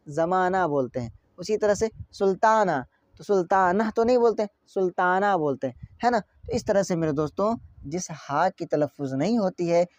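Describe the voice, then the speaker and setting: Man, grammar teacher, repeats his questions, drawn-out examples, dry close sound. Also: sits high, darkish tone, no room sound. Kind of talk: online grammar lesson.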